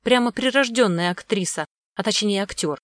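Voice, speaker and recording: Woman audiobook narrator, measured storytelling, mid pitch, dry close recording. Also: no echo. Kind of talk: scripted narration.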